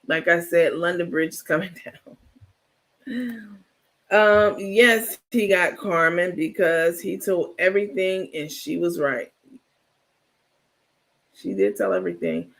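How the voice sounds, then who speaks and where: Male livestream host, high pitch with a gravelly texture, blunt and animated gossip talk. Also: slow, pauses often. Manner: animated, talkative, blunt, laughs often. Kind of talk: casual live gossip commentary, reacting to viewer chat.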